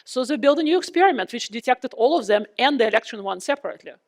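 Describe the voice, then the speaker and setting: Perempuan dosen, suara agak tinggi teredam masker. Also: female voice, on the high side, expressive, fast talker. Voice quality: muffled, speaking through a face mask. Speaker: physics lecturer. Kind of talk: lecture with questions to the class. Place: lecture room.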